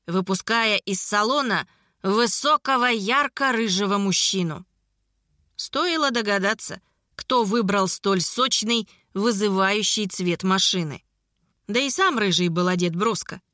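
A woman narrating a fantasy audiobook in a brisk, expressive reading. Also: mid-range voice, no echo, studio quality.

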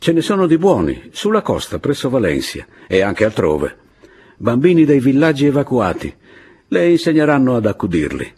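A man reading a calm young dynamiter. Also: medium pitch, normal speed, voice pushed up, full character voice. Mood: measured. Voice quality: husky.

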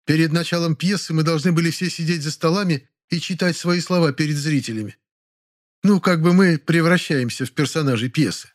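A man reading aloud, voicing a sharp-tongued, sarcastic older actress with a high, mocking voice. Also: a little fast, close to an everyday voice. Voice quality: mocking, venomous. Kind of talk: audiobook character voice.

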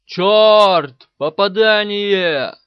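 A man reading an audiobook and voicing a crazed, frantic male soldier who drives a tank, yelling his lines. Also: on the high side, animated, moderate pace, dry recording, lo-fi sound. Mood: panicked yelling.

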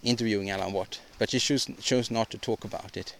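A man's voice: lowish voice, steady tone, brisk, slight background noise. Male podcast host, solo monologue; rambling, opinionated, frequent restarts and repeats. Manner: opinionated, ranting delivery.

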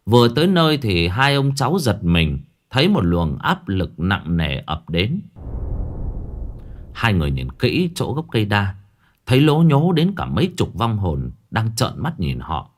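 A man, narrating a ghost story in a dramatic, expressive manner. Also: fairly low pitch, a little slow.

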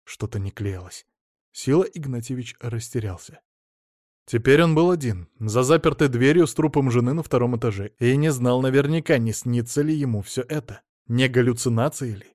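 A man narrating a story in a measured, steady reading voice. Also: medium pitch, dry recording, studio quality. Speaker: audiobook narrator. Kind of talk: scripted narration.

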